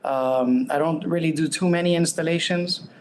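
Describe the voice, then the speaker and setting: A man's voice: on the high side, fairly even intonation, normal speed, a little hiss or hum, rough recording. A man who runs a septic service, talking informally in a podcast interview in a plain, rambling way. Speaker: septic service owner-operator.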